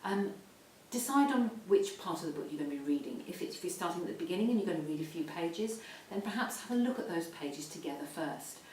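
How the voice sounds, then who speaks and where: A woman's voice: expressive, fast, few pauses, darkish tone. A middle-aged woman gives an explanatory talk to parents in an instructive way, stressing key points. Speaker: reading educator advising parents. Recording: roomy echo, distant mic, faint rumbling noise.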